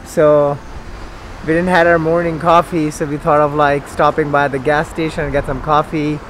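A man's voice: fairly high pitch, level tone, normal speed, a little hiss or hum, poor audio. A man in his thirties from India, chatting casually to a handheld camera outdoors and in a car as a travel vlogger, full of fillers. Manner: chatty, many fillers like "like" and "I mean". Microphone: handheld camera at arm's length.

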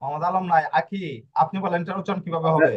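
A man's voice: a little high, fairly even intonation, rapid-fire, lo-fi sound. A man teaching a language class online, explaining step by step and asking himself questions as he goes. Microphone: video call.

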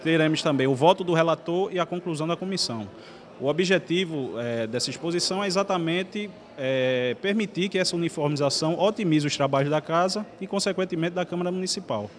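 A young man with a Brazilian Portuguese accent answers an interview question in a formal, careful way, pausing on fillers. His voice sits a bit high. He speaks close into a handheld mic in an indoor hallway. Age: young adult. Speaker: legislative legal adviser. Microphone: handheld TV mic held close.

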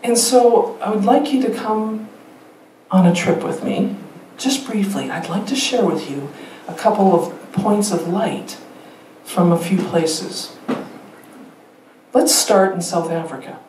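Woman giving a lively talk in a roomy theater. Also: medium pitch, slow pace, long pauses, a little hiss or hum. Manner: lively and emphatic, with rhetorical questions and light laughter. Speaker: teacher educator giving a public talk. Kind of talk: staged public talk with slides. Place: theater stage. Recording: roomy theater sound heard from a distance.

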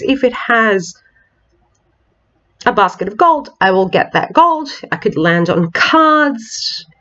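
A woman's voice: a little high, dull audio. A woman with a nasal voice casually walking viewers through a slot game, chatty and meandering with ums and restarts. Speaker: slot game video maker.

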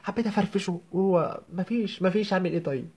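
A man's voice: high voice, darkish tone, breathy edge. A man with an Egyptian Arabic accent voicing a young newlywed woman who complains to her mother on the phone in a comic sketch, whiny and indignant. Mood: aggrieved. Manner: whiny, indignant, rapid rambling. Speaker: comedian.

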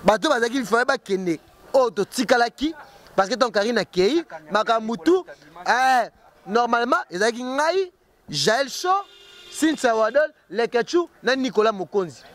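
A man with a notably high speaking voice answers interview questions. He talks emphatically, circles back on his own words, and keeps pressing his point in an easy, conversational flow. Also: expressive, normal speed, a bit bright. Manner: emphatic, repeats words and restarts while arguing. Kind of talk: casual street interview.

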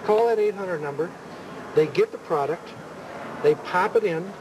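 Speaking at normal speed in a high voice, a man hosts an infomercial and pitches products without a script. His delivery is insistent and repetitive, set against obviously noisy background ambience.

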